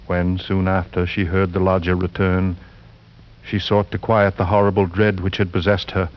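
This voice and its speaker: A man narrating a suspense tale as a radio actor, grave and deliberate in a theatrical 1940s style. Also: low-pitched, completely flat delivery, natural voice. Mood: grave, ominous. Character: grave, ominous male storyteller of a horror tale. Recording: muffled 1940s radio recording with music.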